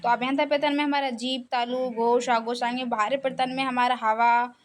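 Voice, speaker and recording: A woman teaching an exam revision lesson, often repeating key terms and slowing down to sound out each letter. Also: on the high side, little pitch movement, slight background noise.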